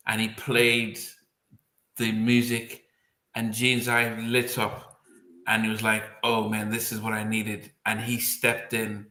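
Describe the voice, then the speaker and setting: Bright-voiced man in an echoey room. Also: on the low side, completely flat delivery, slow pace. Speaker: podcast host. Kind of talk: casual podcast chat.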